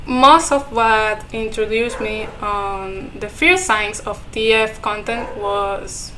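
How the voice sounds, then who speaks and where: A young woman from Ecuador, a native Spanish speaker, talks in English with an Ecuadorian Spanish accent as a guest on a casual podcast, giggling often as she searches for words. Her mid-range voice is very slow, bright and forceful. The audio is poor, with a little hiss or hum.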